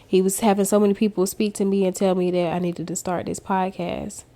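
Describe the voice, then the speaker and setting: This faith vlogger speaks a little fast in a warm, medium-pitched voice with little pitch movement. She casually tells her personal testimony, chatting directly with her viewers as she goes.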